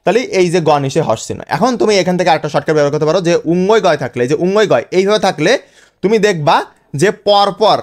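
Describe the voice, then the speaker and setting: A man's voice: high voice, lively intonation, racing. A man teaching a lesson, spelling words out sound by sound and often checking that students follow. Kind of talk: classroom lecture.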